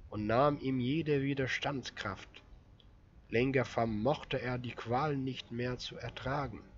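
A man narrating an audiobook in a steady, measured reading voice. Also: medium pitch, highs cut off, slight background noise. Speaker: audiobook reader.

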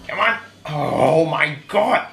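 Young man, frustrated raging gamer, casual commentary, slow drawn-out delivery, sweary outcries, roomy sound. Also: on the high side, expressive, gravelly, sharp tone. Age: young adult. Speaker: video game player. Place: indoor room with game music behind. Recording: echoey room, faint game music behind.

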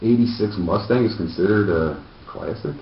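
A man's voice: lowish voice, normal speed. A man in his thirties giving sardonic, casual comic commentary as he reads aloud. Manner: wisecracking, sardonic. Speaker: host of a homemade comedic news show. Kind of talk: casual comic commentary while reading a newspaper. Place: small plain room indoors. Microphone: distant camera microphone. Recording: echoey, muffled, distant camera microphone.

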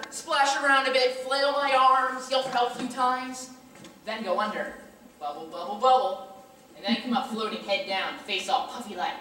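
Girl doing pushy street hustler guy, wheedling salesman patter, lively voice, school play in a roomy hall. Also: sits high, heavily acted. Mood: boastful. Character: brash male con man who stages fake drownings. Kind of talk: high school stage play. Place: school auditorium stage. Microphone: far camera. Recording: echoey hall from far off.

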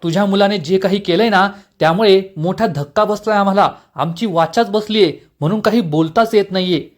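An angry middle-aged father presses his son with demanding questions, read by a man. The voice runs high for a man, close to his plain narration. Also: a little fast, natural voice.

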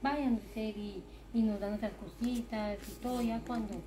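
A woman's voice: fairly high pitch, fairly even intonation, measured pace. Chatty young mother. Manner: chatty, many diminutives. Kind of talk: casual chat. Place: small bedroom, indoors. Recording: noisy room recording.

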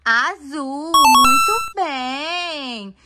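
Brazilian lady vlogging at home in the toy corner, high voice, slow and playful with a little kid. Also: expressive, over loud music. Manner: coaxing, playful, talks to viewers as "pessoal". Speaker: family vlogger host. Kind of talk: casual home vlog with a toddler.

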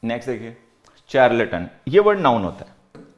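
A man teaching English vocabulary in Hindi, with an Indian English accent. He explains slowly and repeats words. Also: mid-range voice, sing-song, muffled recording. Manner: explains slowly, reads example sentences aloud word by word, repeats words; keeps saying "theek hai" while writing on the board. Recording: echoey room.

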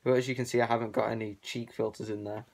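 A young man talks through a balaclava, his voice gravelly with creak. He rambles casually and hesitantly as he shows things off in a vlog, filling pauses as he goes. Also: medium pitch, flat delivery, a little mellow. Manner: rambling, hesitant, lots of fillers. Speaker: collector showing his collection. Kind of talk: casual show-and-tell vlog.

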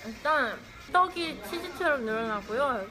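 A woman's voice: high voice, animated, measured pace, low-quality recording. A young woman hosting a casual eating show, playfully describing her food while chewing as she talks. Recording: loud background music. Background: music.

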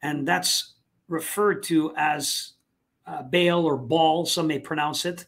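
A man hosting a live online talk show, speaking casually with many fillers and pauses. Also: a little high, fairly even intonation, vocal fry, fairly bright tone. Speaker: host.

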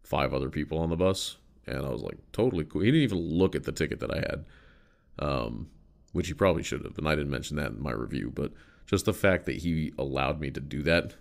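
Deep, creaky-voiced man, podcast host, loose profane rambling. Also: expressive, fairly quick. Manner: rambling, profane, with frequent fillers. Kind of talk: casual solo chat.

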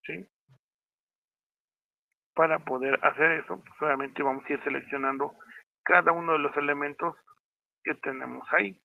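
A man's voice: fairly high pitch, fairly even intonation, normal speed, creaky, long pauses, no room sound. A man teaching a step-by-step screencast programming lesson with a Mexican Spanish accent, checking in often with his students. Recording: tinny phone-like audio, dry.

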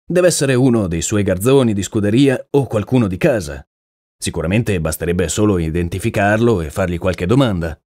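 A man voicing a shrewd, calm male detective in an audiobook, asking measured questions. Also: lowish voice, dry recording, clean studio sound. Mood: probing. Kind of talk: audiobook character reading.

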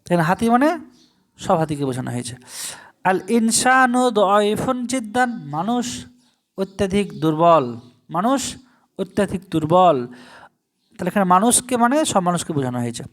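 An Arabic language teacher giving a recorded lesson, drawing the Arabic phrases out slowly, then explaining them in quick asides and asking the listener rhetorical questions. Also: medium pitch, very animated.

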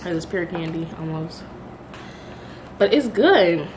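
A young woman with a lowish voice talks while chewing, chatty and candid, reviewing something on camera. A faint hiss of noise sits under the recording. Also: expressive, a little mellow, poor audio. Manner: chatty, candid, drawn-out slang. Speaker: vlogger. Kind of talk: casual candy review.

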